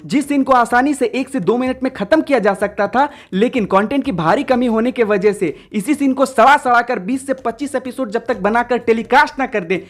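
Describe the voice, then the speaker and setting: A woman hosting a scripted comic roast, speaking with crude, slangy, exasperated sarcasm. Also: a little high. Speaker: roast video host.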